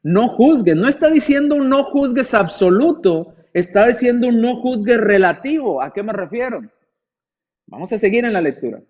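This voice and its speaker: A man with a high-pitched voice preaches a sermon in a conversational way. He asks rhetorical questions and acts out the replies of imagined listeners. The recording sounds dull and lo-fi. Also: darkish tone.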